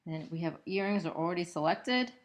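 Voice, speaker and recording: A woman gives step-by-step instruction in the manner of a corporate training video. Her voice sits a little low and has a clear creak to it. She explains methodically and patiently, in her own unscripted words. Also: lively intonation, a little fast. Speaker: trainer for gallery sales staff.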